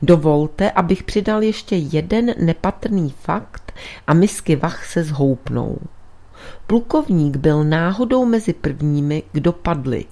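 A woman's voice: on the low side, mellow. A woman voicing a shrewd male priest detective who presses his point earnestly in a storybook reading.

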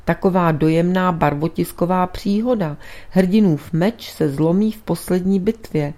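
A woman voicing a burly, blunt man who answers with gruff, skeptical retorts in a storybook reading. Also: fairly low pitch, mellow, lightly acted. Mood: scoffing. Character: burly blunt male companion, skeptical and impatient.

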